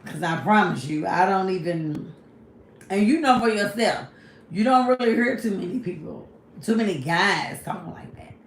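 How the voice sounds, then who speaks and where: Hosting a laid-back livestream, this woman has a medium-pitched, expressive voice and talks at an ordinary speed. Viewer comments get read aloud and answered head-on, frequently capped with "you know what I'm saying." Her audio carries echo and a faint background hiss.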